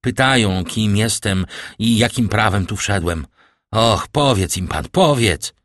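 A man's voice: fairly low pitch, unhurried, no echo, clean studio sound. A man voicing a desperate, heartbroken young man who pleads in a choked voice, read in an audiobook.

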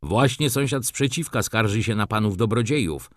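A man's voice: lowish voice, animated, moderate pace, no echo, studio quality, natural voice. A man playing a weary building steward. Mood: reproachful. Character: weary, patient middle-aged male building steward.

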